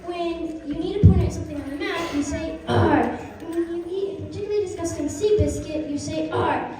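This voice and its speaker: A woman's voice: very high-pitched, a little fast. A woman narrating a live stage play, explaining things to the audience playfully, step by step. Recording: very echoey hall, far from mic, noisy.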